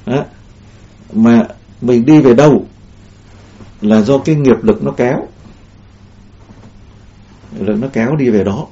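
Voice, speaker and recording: Gravelly dark-voiced man giving a dharma talk. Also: mid-range voice, slow, pauses often. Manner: rambling, many fillers and restarts. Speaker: Buddhist teacher. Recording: dull lo-fi recording.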